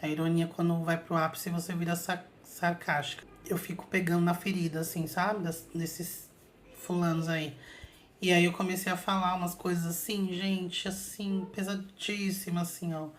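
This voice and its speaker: A woman with a slightly low voice tells her viewers a story in a loose, chatty way. She talks casually, packing her sentences with fillers and asides. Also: normal speed, a little hiss or hum. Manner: chatty, animated retelling with many fillers. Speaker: channel host telling an astral projection story.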